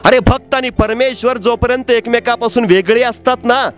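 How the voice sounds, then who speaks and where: A man giving a motivational speech, telling a story with rhetorical questions and dramatic swings between loud and soft. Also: very high voice, steady tone, normal speed, soft background music. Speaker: motivational speaker.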